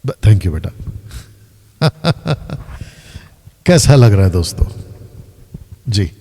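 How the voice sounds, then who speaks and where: A man, a pastor teaching live from the Bible in an animated way, stopping his reader and quizzing the audience. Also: on the low side, very slow, vocal fry. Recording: long hall reverb.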